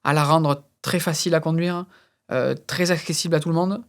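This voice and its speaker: Hesitant high-voiced Frenchman. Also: fairly even intonation, brisk. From France. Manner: hesitant, many repeated words and fillers. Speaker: guest racing driver and instructor. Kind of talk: casual interview talk.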